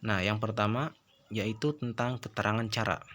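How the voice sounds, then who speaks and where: A man's voice: lowish voice, moderate pace, a bit bright. A middle-aged male teacher giving a lesson, explaining step by step and often checking in with his listeners. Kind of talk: classroom lesson.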